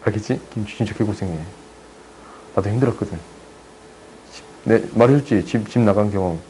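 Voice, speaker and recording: A young man tutoring high school math in a chatty, teasing way, often checking that students follow. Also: brisk, dark tone, slight background noise, poor audio. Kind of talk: casual online math lesson.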